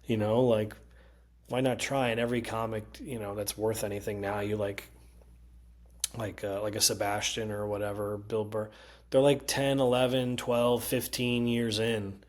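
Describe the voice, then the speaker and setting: Connecticut comedy guy, kinda low voice, swears a lot, acts out everyone in his stories. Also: moderate pace. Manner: animated, profane, mimics voices in anecdotes. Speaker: comedian guest. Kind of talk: casual storytelling.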